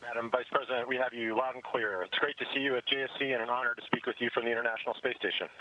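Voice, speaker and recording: A man's voice arrives from orbit through a muffled radio downlink, like a sci-fi communicator, quick and even in pitch. He answers in crisp, formal radio phrasing as an astronaut aboard the station. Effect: space-to-ground radio downlink, like a sci-fi communicator.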